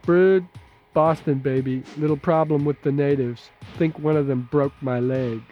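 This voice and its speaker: A man's voice: fairly high pitch, steady tone, unhurried, muffled recording, soft background music, natural voice. A man voicing a tough, wounded female mercenary in an audiobook, talking in clipped, terse bursts. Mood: pained, clipped.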